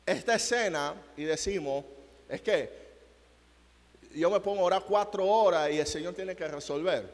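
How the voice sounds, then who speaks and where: A man preaching in a church, his voice sitting a little high for a man. He moves from hushed passages to loud, emphatic cries. A long reverb from the room trails behind his words. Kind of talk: sermon.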